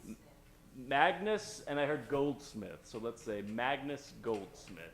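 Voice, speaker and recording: With a mid-range voice that swings widely in pitch, this improv emcee speaks a little slowly. He plays to the live audience on stage, theatrical and playful as he gathers their suggestions, and the recording sounds roomy.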